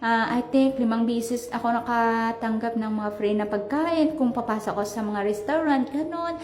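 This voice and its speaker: A young woman from the Philippines, a travel vlogger chatting to her viewers while walking outdoors, animated and talkative. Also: fairly high pitch, moderate pace. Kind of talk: casual vlog chat while walking. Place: outdoors on a street. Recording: echoey, roomy sound.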